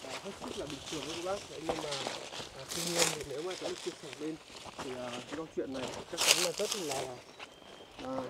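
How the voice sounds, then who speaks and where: A man doing a casual on-location interview in a rural village, speaking haltingly with many filler sounds. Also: a little high, animated, heavy background noise. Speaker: vlogger visiting a poor family.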